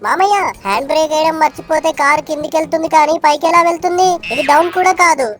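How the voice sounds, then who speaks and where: A tattling little cartoon boy, voiced by a woman. He speaks high and quick, always complaining. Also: lightly acted. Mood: whiny. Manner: whiny, tattling. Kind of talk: cartoon dub of a game.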